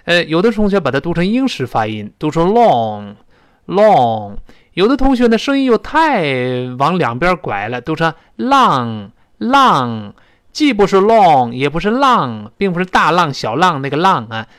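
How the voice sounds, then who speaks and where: Lively male English teacher. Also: fairly high pitch, smooth, no echo, clean studio sound. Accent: Mandarin Chinese. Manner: explains pronunciation, slowly modelling English phrases. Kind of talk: spoken English lesson.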